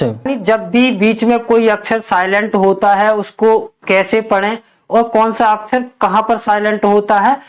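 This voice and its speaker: A man's voice: high-pitched, clear, resonant tone. A man teaching English pronunciation, spelling words letter by letter and drilling each answer with a repeated question. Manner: patient, explanatory. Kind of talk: step-by-step spoken lesson.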